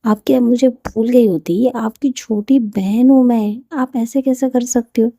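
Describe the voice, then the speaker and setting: An excitable younger sister who whines and pleads with her older sibling, as a woman narrator voices her. Her tone sits higher than the storyteller's own, mellow and a little gravelly. It is recorded dry and close. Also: unhurried, no echo. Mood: pouting, whiny. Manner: whiny, pleading, high-pitched. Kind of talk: storybook character voice.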